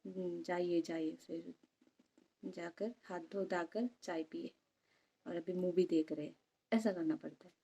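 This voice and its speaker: A woman's voice: lowish voice, measured pace, gravelly, pauses often, dark tone, slightly rough. A young woman vlogging casually from home, chatting in a rambling way and often checking in her listener. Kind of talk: casual home vlog chat.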